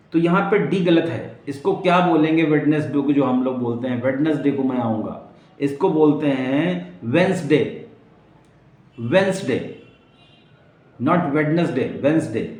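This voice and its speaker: A man with an Indian accent teaching English pronunciation, switching between Hindi and English and repeating words slowly for drills. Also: mid-range voice, a little mellow. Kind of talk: spoken English lesson. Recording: echoey room.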